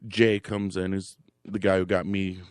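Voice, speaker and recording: A man's voice: deep voice, level tone, normal speed, darkish tone, clean tone, no echo, studio quality. A man casually telling a story on a podcast, wry and conversational. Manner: laid-back, wry, conversational. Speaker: podcast co-host.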